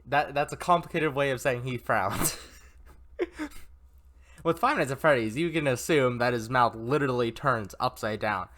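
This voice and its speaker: Guy reading a game novel out loud, chatty, lots of little asides, pitch all over. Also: animated, measured pace. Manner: chatty, self-correcting, laughs at own mistakes. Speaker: story reader and commentator.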